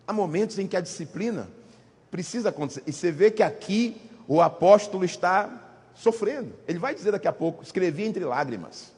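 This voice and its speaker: Husky-voiced preacher in a reverberant church. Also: male voice. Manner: preaching with rising emphatic exclamations and repeated phrases; softens into low tender asides when voicing fatherly love. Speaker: pastor. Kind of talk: sermon. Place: church sanctuary. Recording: husky voice with long hall reverb.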